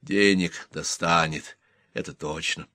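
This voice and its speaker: A man's voice: low-pitched, fairly even intonation, slow, sharp tone, no echo, heavily acted. A man reading an audiobook, voicing a shy young soldier who mumbles and grumbles. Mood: gruff.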